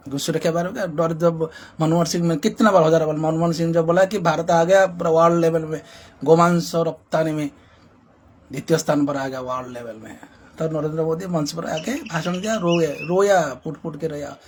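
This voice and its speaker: A man's voice: fairly high pitch, a little hiss or hum. A man giving an impassioned commentary as a social reformer, emphatic and repetitive, with many rhetorical questions.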